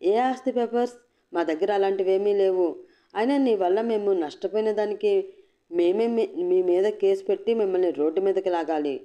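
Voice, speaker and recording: A woman voicing an angry, arrogant young husband who shouts and sneers. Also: medium pitch, moderate pace, lightly acted. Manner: shouting, contemptuous. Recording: dull lo-fi recording.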